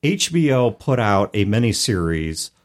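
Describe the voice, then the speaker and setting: Discussing role-playing games as a podcast co-host, this man from the United States speaks a little slowly in a lowish voice with big pitch swings. He explains himself in lengthy, carefully hedged sentences.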